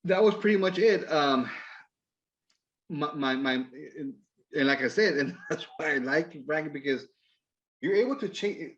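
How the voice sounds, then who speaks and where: A man in his forties seeking business advice, agreeable and halting, often repeating himself. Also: a little high, expressive, a bit bright, dull audio. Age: 40s. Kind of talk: casual consultation talk.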